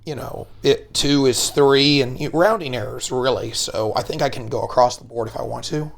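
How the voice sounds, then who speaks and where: A man with a hoarse, gravelly voice, casually narrating his moves during a tabletop wargame with playful jokes. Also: medium pitch, moderate pace. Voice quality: gravelly, breathy whispery. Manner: joking, playful asides. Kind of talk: casual battle report chat.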